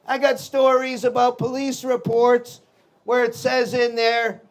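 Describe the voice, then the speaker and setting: A man's voice: extremely high pitch, completely flat delivery, unhurried. A middle-aged male defense lawyer giving a blunt, emphatic public talk at a gun show, hammering home his key phrases. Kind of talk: public talk to a live audience.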